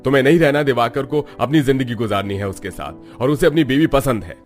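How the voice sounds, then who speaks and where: A man's voice: mid-range voice, a little fast, soft background music, lightly acted. A man voicing a firm, sensible middle-aged father in a cartoon, lecturing his daughter. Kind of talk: cartoon dubbing.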